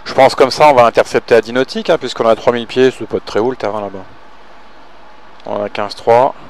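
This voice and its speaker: A man's voice: mid-range voice, fairly quick, creaky. A man working as a pilot, calling out checklists and casually coaching, often thinking aloud between clipped callouts. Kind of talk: cockpit callouts and casual instruction.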